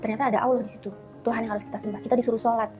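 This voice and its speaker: A woman talks at a rapid clip in a casual interview, chatty and quick to act out the voices of her family. Her pitch runs slightly high. The sound is dull and lo-fi, with faint music underneath. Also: level tone. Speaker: interview guest, convert.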